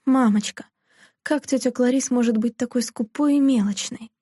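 A woman's voice: on the high side, normal speed, mellow, husky, dry recording, clean studio sound, pitched above the performer's own voice. A woman reading aloud, voicing a distressed young daughter who pleads tearfully. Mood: pleading.

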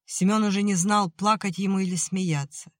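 A woman reading an audiobook aloud in a measured, even way. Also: mid-range voice, no room sound, studio quality. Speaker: audiobook narrator. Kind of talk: scripted audiobook narration.

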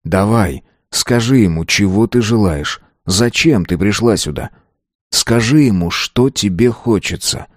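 A man voicing an arrogant, brutal young man who talks gruffly and scornfully. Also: fairly low pitch, measured pace, no room sound, studio quality. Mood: cold brooding.

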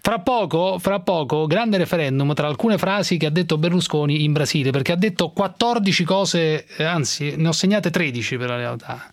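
A man with a slightly high-set voice hosts live talk radio. He teases, repeats his questions insistently and breaks off to read out quotations. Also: moderate pace, few pauses, no room sound, studio quality. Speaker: radio talk show host. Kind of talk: live radio talk, teasing interviewing and reading out quotes.

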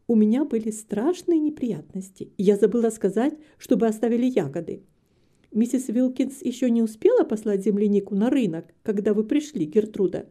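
A woman's voice: mid-range voice, mellow, close to an everyday voice. A woman reading a storybook aloud, voicing a flustered, overworked middle-aged housekeeper who frets and complains. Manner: fretful, complaining, sighing.

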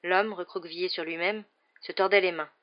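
A woman with a lowish voice reads an audiobook at an even, measured pace. The sound is dull and muffled, like an older audio transfer. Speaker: audiobook narrator. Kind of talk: scripted narration.

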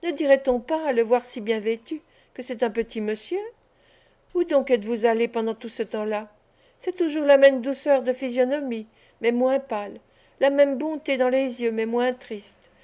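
A woman's voice: on the high side, moderate pace, warm tone, close to an everyday voice. Woman reading as a tender old housekeeper. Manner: tender, tearful, effusive.

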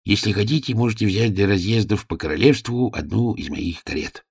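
A man voicing a vain, capricious, suspicious little male king in an audiobook drama, with a husky low voice. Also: brisk, darkish tone, no echo, studio quality.

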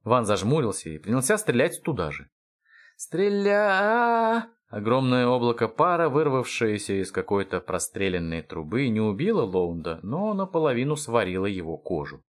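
A man reading an audiobook with wry, expressive scripted narration. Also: on the low side, brisk, hardly any pauses.

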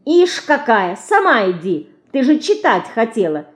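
A woman reading an audiobook, voicing a lively, stubborn little girl who pleads and bosses. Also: fairly high pitch, measured pace, pitched above the performer's own voice. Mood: eager. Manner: eager, pleading, bossy.

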